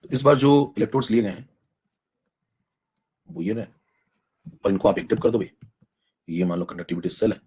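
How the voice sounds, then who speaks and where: A young adult man teaching chemistry in a live online class, coaxing students along and saving his voice by speaking softly. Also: on the low side, slightly rough. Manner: rapid, coaxing, mixes in English technical terms.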